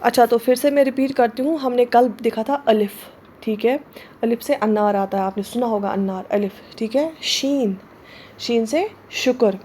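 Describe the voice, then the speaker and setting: Patient higher-voiced woman teaching slowly. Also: warm tone, a little hiss or hum. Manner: patient, repeats words slowly, often checks with "theek hai". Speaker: Urdu teacher. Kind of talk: online exam-prep lesson.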